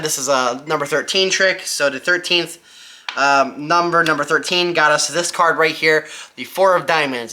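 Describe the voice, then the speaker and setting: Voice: mid-range voice, bright, forceful tone. A presenter giving a casual, step-by-step magic tutorial, informally thinking aloud while demonstrating by hand.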